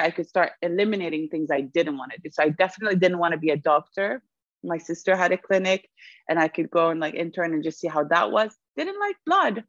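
A young woman raised in Sweden as an interview guest, reflective and quick to laugh. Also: on the low side, dry recording, highs cut off. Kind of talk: conversational interview.

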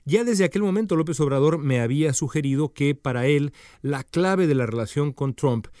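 A man's voice: a little high, animated, a little mellow, dry recording, studio quality. Hesitant man giving political commentary. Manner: measured, with frequent hesitant fillers. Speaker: political commentator and show host.

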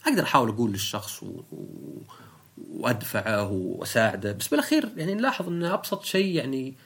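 Fast, lively husky Saudi man. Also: medium pitch. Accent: Saudi Arabic. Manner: animated, explaining with everyday examples. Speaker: podcast host. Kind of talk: casual podcast talk.

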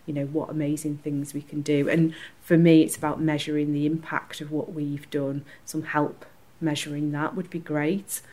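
Low-voiced earnest woman. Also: level tone, moderate pace, few pauses, warm tone. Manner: earnest and enthusiastic, laughs easily. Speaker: community group organiser, guest. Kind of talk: podcast interview conversation.

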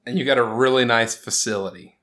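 A man hosting a casual sports chat, joking, sarcastic and quick to laugh as he runs through scores. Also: mid-range voice, pushed and bright. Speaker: podcast host.

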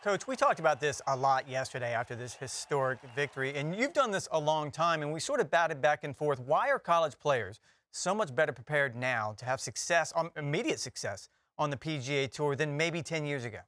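A man co-hosting a golf talk show, putting a measured, conversational question to a coach. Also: a little high, lively intonation, fairly bright tone, no echo, clean studio sound. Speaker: show co-host. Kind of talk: interview questions.

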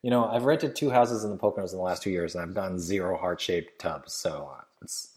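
A man's voice: deep voice, fairly quick, darkish tone. A man co-hosting a podcast in a casual, laid-back way, recorded in an echoey game room of a vacation house. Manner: laid-back, rambling, with frequent fillers. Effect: echoey room sound. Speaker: podcast co-host. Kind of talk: casual chat.

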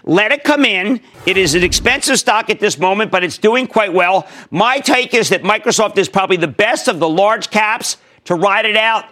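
A middle-aged man hosting a stock market call-in show, talking emphatically with sudden loud bursts and low asides. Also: expressive, moderate pace, few pauses, a little hiss or hum. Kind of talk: energetic market commentary and call-in.

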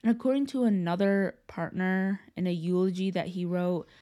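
A woman's voice: lowish voice, normal speed, warm tone. A young adult woman telling urban legends as a podcast host in a casual, conversational way with informal asides.

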